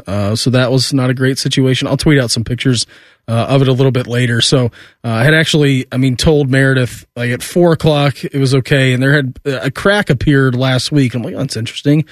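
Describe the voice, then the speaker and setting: A man's voice: mid-range voice, dry recording, studio quality. A man hosting a sports radio show in a casual, chatty style. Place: dry radio studio.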